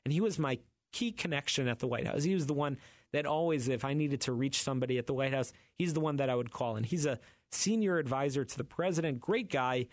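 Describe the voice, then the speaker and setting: Man hosting a lively radio talk show. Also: mid-range voice, fast talker, no echo. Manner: lively storyteller acting out quotes.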